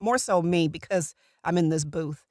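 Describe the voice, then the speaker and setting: A middle-aged woman with natural vocal fry, a voiceover artist casually explaining a routine to camera from a small recording booth. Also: lowish voice, moderate pace, a little mellow, dry recording, clean studio sound.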